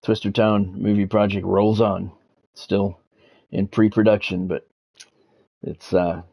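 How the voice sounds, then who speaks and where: An American game streamer chats casually and calls sports action, wry and informal with a self-deprecating streak. His voice is low and warm, captured through a dull, lo-fi microphone.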